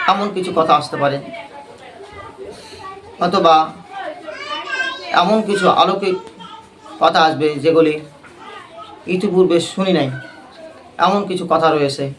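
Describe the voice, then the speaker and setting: A man's voice: fairly high pitch, background noise. A man teaching a Quran recitation class, quizzing the class with repeated questions and leading call-and-response.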